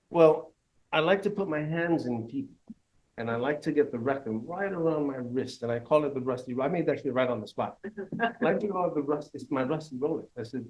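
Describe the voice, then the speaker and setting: A man telling a crude story on stage, profane and animated, laughing as he goes. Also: a little high, highs cut off. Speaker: live storyteller. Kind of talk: live storytelling.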